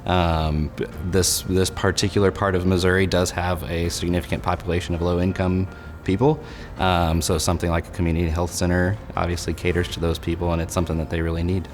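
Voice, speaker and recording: A man speaking thoughtfully with many pauses about his patients in an interview. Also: low voice, little pitch movement. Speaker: dentist, scholarship recipient. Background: soft background music.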